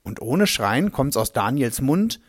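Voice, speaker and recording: A humble swineherd recounts his story with a lively, rising and falling voice, as a man plays him. He tells it in a reflective, vivid monologue. The recording is dry and close, with no room sound. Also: medium pitch, unhurried, slightly rough, no room sound. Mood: thoughtful. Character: humble male swineherd recalling a strange day. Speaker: first-person narrator.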